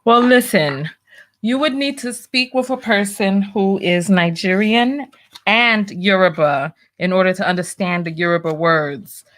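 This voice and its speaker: A woman's voice: mid-range voice, a little slow, fairly bright tone. A woman hosting a casual chat, teasing and playful. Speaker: host. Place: home room with a printer.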